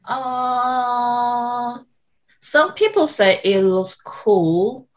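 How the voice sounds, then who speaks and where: A woman's voice: on the high side, extremely slow, low-quality recording. A woman with a Korean accent, speaking English as a second language as a podcast guest, searching for words in casual chat.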